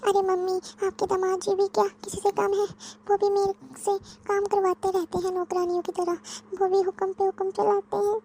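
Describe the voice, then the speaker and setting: Tearful young cartoon wife, played by a woman: high-pitched, whining and pleading. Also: little pitch movement, moderate pace, dark tone. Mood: tearful complaint. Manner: whiny, pleading. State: crying. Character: tearful young married woman, homesick and complaining. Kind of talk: cartoon voice acting.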